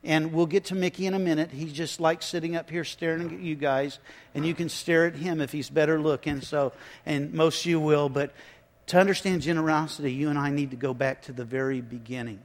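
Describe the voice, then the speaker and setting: A man preaching a sermon in a slow, emphatic way, dropping his voice low for effect, with chatty asides and restarts. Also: steady tone. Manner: slow, emphatic delivery with dramatic drops in volume; conversational asides and repeated restarts. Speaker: pastor.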